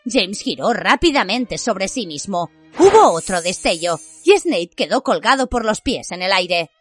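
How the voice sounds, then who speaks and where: A woman narrating a fantasy novel as an audiobook, with expressive storytelling. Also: mid-range voice, unhurried, slightly rough, no echo, faint music behind. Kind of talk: scripted fiction narration.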